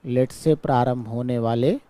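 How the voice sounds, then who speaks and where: A male teacher, patiently explaining an exam-prep grammar lesson. He keeps checking in with his class and stretches out his English example sentences very slowly. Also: mid-range voice, dark tone, dry recording.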